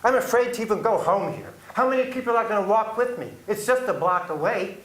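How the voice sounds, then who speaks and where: A man's voice: sits high, animated, fairly quick, a bit bright, reverberant. A man giving an agitated, pleading public comment at a city council meeting.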